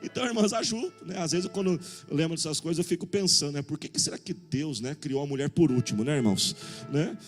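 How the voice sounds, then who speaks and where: A man with a Brazilian Portuguese accent preaching a sermon in a jokey, animated way, acting out little dialogues and calling out to the congregation. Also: a little high, fast talker, faint music behind. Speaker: pastor. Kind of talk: sermon with humorous anecdotes.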